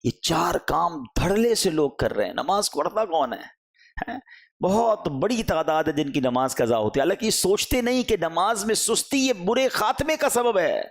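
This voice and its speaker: A man's voice: high voice, big pitch swings, gravelly. A man preaching a sermon, impassioned, rising and falling emphatically as he pleads with his listeners.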